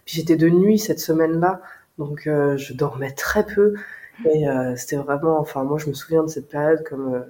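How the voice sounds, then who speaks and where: A woman's voice: deep voice, moderate pace, warm tone, a little hiss or hum. A woman telling her side of a personal story in an interview, reflective, with fillers. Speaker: guest.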